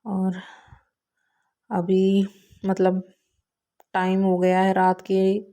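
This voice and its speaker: A woman and mother telling her daily routine in a calm, casual vlog narration, with many small filler words. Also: mid-range voice, extremely slow. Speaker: mother vlogger.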